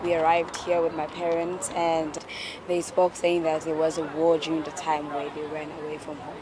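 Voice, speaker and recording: A young woman from the Democratic Republic of Congo speaks in an earnest, halting way and repeats phrases for emphasis. She is recorded outdoors in a city. Traffic noise runs clearly underneath her words. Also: low voice, monotone. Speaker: refugee interviewee. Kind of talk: personal testimony. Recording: outdoor street noise behind.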